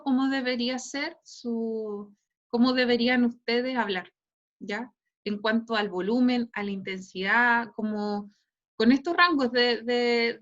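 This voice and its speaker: A woman's voice: a little high, fairly bright tone. Chilean woman teacher, "¿cierto?" after every phrase. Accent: Chilean Spanish. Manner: tags nearly every phrase with a questioning "¿cierto?" or "¿ya?". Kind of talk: online class lecture. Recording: dull lo-fi online class audio.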